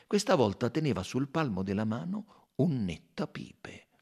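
A man reading an audiobook aloud with expressive, dramatic narration. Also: medium pitch, unhurried, vocal fry, husky. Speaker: audiobook reader.

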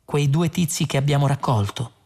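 A man reading an audiobook, voicing a patient, exasperated young woman aboard a starship, with a gravelly voice. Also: medium pitch, darkish tone. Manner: patient, deliberate.

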